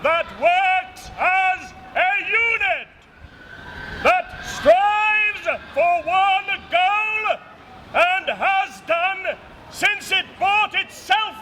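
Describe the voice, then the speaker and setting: Male town crier, bellowing very high and very slowly, ceremonial, outdoors with clear background noise. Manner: declamatory, shouted, drawn-out phrasing. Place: outdoor public space in a town. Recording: noisy outdoor street recording.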